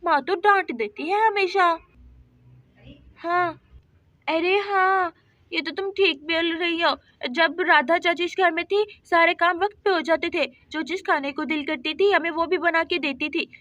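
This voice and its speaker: A woman's voice: very high voice, measured pace, sharp tone, no echo, exaggerated voice. A woman voicing two young daughters who whine and plead in a doll story. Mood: whiny. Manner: whiny, pleading, tearful.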